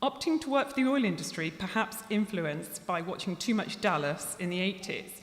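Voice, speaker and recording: A woman's voice: medium pitch, lively intonation, normal speed. A woman giving a formal, scripted podium speech as an orator at a graduation ceremony. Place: large ceremony hall, amplified podium. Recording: echoey hall with long reverb.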